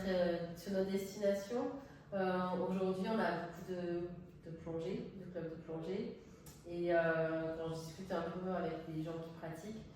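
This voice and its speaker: Being interviewed spontaneously, a tourist office director, a middle-aged southern French woman, pauses and gropes for her words. She speaks on the low side with a slightly mellow voice, recorded from afar in a very echoey space with faint noise.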